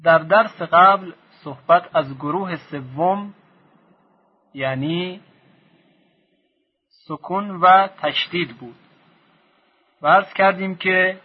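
Male recitation teacher, slightly high and husky, slow and deliberate, lo-fi radio sound. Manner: slow, deliberate, stresses each sound when giving examples. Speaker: Quran reading teacher. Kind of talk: recorded lesson.

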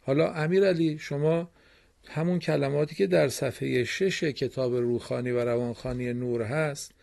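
A man teaching a broadcast reading lesson to children, explaining slowly and patiently and praising his pupils often. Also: mid-range voice, steady tone, gravelly, darkish tone.

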